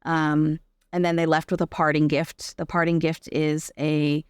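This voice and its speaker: A Canadian artist and arts accessibility advocate, appearing as an interview guest, describes her work in a chatty way and keeps checking in with the listener. Her voice is low-pitched, flat, a little slow and smooth. The recording is dry and of studio quality.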